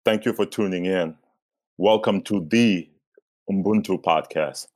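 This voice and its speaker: A man's voice: sits low, measured pace, a little mellow, soft background music. A man from South Sudan co-hosting a podcast, talking earnestly with frequent restarts. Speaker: podcast co-host. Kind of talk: casual podcast intro.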